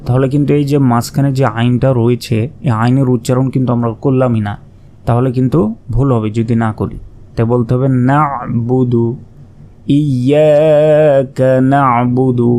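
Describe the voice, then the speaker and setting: A man teaching recitation, spelling out each syllable slowly and then reciting with long drawn-out vowels. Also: mid-range voice, level tone, mellow. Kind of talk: slow spelled-out pronunciation lesson.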